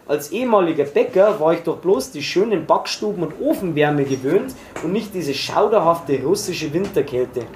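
A man reading a literary memoir aloud in a measured, expressive way. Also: fairly high pitch. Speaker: reader. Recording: roomy echoey recording.

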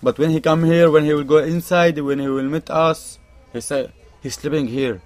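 A young Syrian man speaks in broken, non-native English with an Arabic accent, his voice sitting a touch higher than most men's. He talks earnestly and with emphasis, circling back to repeat his points. He sounds like a refugee telling his own story to an interviewer. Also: fairly even intonation, moderate pace, no room sound. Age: young adult. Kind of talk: impassioned testimony in broken English.

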